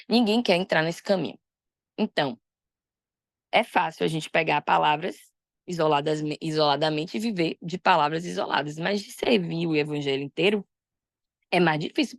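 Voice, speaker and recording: A woman with a Brazilian Portuguese accent delivers a live sermon as personal testimony. Her voice sits fairly low, and she acts out what people said in an animated way. The sound is dry and close, with no room echo. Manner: animated, personal storytelling with quoted dialogue. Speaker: preacher.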